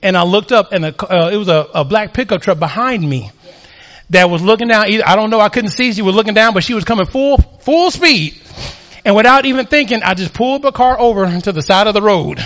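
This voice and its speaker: Guy preaching a sermon, high voice, gets loud and fervent telling his story. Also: lively intonation, fairly quick. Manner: fervent preaching that builds in volume. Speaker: pastor. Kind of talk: sermon with personal testimony.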